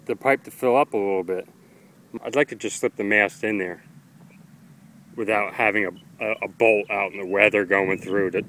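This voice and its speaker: A man's voice: lowish voice, fairly bright tone, a little hiss or hum, rough recording. A man casually narrating a how-to project in his backyard, talking plainly through each step with fillers, at times out of breath from digging. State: tired, catching his breath. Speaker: amateur radio hobbyist, DIY video maker. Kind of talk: casual how-to narration while working outdoors. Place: backyard outdoors.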